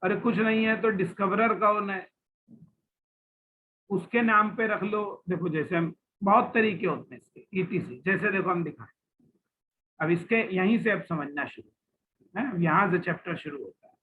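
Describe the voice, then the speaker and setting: High-voiced guy teaching chemistry, asks the class questions, tinny lo-fi sound with a bit of background hum. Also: normal speed, long pauses. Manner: explains with homely examples and asks the class questions; addresses students as "beta ji". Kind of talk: classroom lecture. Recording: tinny phone-like recording with faint ambience.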